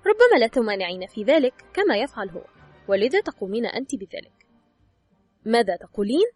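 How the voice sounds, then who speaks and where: Brisk, breathy woman reading advice. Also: a little high, big pitch swings, darkish tone, faint music behind. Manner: instructive, addresses the listener directly. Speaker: audiobook narrator. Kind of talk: scripted narration of an advice book.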